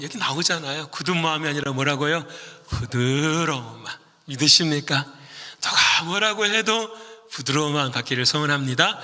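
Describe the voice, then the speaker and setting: A man preaching a sermon as a pastor, asking the congregation questions and answering them, moving from loud exhortation to hushed whispers. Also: on the high side, big-room sound.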